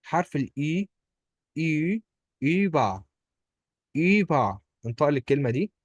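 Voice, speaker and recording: A man's voice: on the high side, very animated, moderate pace, no echo, highs cut off. A man with an Egyptian Arabic accent, teaching German pronunciation one-on-one, patiently repeating each word for his student. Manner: patient, drills words by repeating them.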